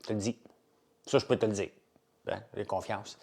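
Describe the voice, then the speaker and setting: A middle-aged man with a strong Québécois French accent talks casually to his live-stream viewers. He sounds chatty and keen, like an upbeat salesman. His voice sits a little on the low side. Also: normal speed, breathy edge. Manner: chatty, enthusiastic salesman, lively and animated. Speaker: entrepreneur hosting a live chat.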